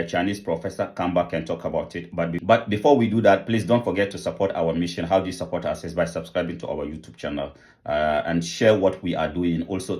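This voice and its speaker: With a low and somewhat mellow voice, a man running an online channel talks earnestly to the people watching. He leans on rhetorical questions again and again as he appeals to them in vlog commentary.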